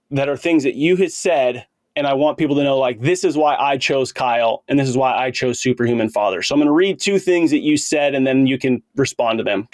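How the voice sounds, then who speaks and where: In a dry recording, a late-thirties male podcast host with a mid-range voice chats earnestly and informally during a casual interview. Bro slang comes up a lot.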